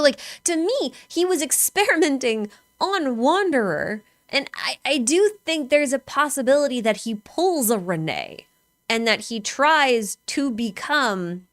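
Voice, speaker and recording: A woman's voice: mid-range voice, a bit bright, no room sound. A woman streamer in casual chat, talking speculatively with many filler words.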